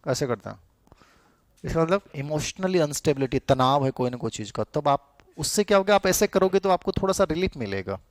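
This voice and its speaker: Hindi teacher dictating a psychology lecture. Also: male voice, a little high, no echo. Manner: conversational, repeats key terms for notes.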